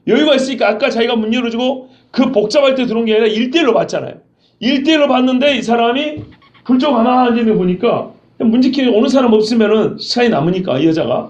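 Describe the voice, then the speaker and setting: Male pastor with a high, very lively sermon delivery who quizzes the congregation. Recorded in a dull, roomy church. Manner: animated, acts out scenes, quizzes the congregation. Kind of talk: expository sermon. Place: church sanctuary.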